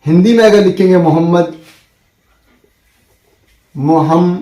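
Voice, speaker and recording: A man teaching a basic script lesson, explaining patiently and repeating each point with drawn-out letter sounds. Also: high voice, mellow, echoey room, poor audio. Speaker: Urdu teacher.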